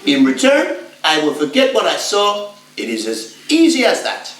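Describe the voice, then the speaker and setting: A shifty con man played by a man hides behind a put-on French accent, then drops it when he is rattled. His voice is high and swoops widely. It is heard from far off on an echoey, noisy stage. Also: huge pitch swings, moderate pace, fairly bright tone, full character voice. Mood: smooth blackmail. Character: scheming male con man faking a Frenchman. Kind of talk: amateur stage play. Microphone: distant room mic.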